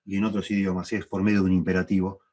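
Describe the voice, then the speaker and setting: Husky Argentine man teaching a church class. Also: little pitch movement, fast talker, dark tone. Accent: Rioplatense Spanish. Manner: thoughtful, repeats phrases for emphasis, rises in pitch when stressing points. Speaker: Bible teacher.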